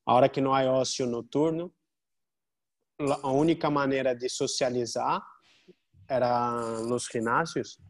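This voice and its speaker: A man's voice: medium pitch, steady tone, measured pace, long pauses. A man speaking casually as an interview guest, with a Portuguese-influenced accent and a portuñol mix of Spanish and Portuguese. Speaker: podcast guest, jiu-jitsu gym representative.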